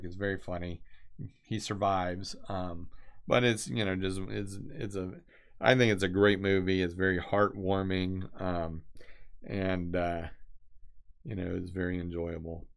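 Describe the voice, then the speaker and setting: A man's voice: deep voice, level tone, unhurried, clear, resonant tone. A man chatting casually while he doodles, meandering from thought to thought with lots of fillers and restarts. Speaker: designer doodling on camera. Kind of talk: casual rambling chat.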